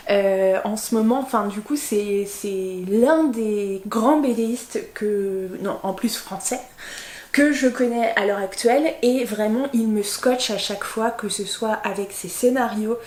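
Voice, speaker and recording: A woman chatting casually about her reading list as a book vlogger, rambling with lots of fillers and quick self-corrections. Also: medium pitch, darkish tone, echoey room.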